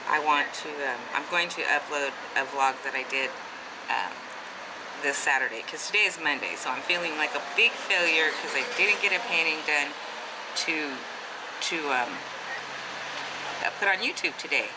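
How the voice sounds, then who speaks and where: A woman's voice: deep voice, normal speed. Hesitant woman in her fifties, noisy deli. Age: 50s. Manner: hesitant, many filler ums and restarts. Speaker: artist vlogger. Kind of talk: casual vlog monologue. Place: at a neighborhood deli store, public spot. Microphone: handheld camera.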